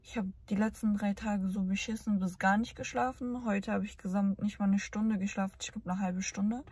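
A woman's voice: medium pitch, steady tone, normal speed, darkish tone, breathy edge. A woman vlogging casually to camera, talking in a candid, rambling way, worn out and in pain after surgery. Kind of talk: casual vlog talk to camera.

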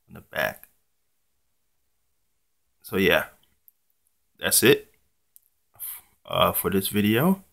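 A young man with a low-pitched voice hosts a casual unboxing vlog. He speaks slowly and haltingly, with an easygoing, offhand delivery. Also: vocal fry, a bit bright. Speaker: trading card channel host.

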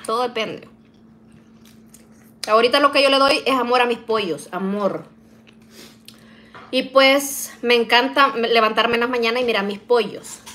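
Middle-aged woman, home kitchen vlogger, chatty and folksy, slightly high voice. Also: a little slow, long pauses, a bit bright. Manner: chatty, addresses viewers as "niñas", frequent "¿verdad?" tags. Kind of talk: casual chat while cooking.

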